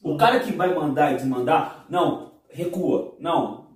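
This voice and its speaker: A man's voice: fairly high pitch, moderate pace. A man on a podcast panel, insistently pressing rhetorical questions in a heated roundtable debate. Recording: echoey room, mic at a distance.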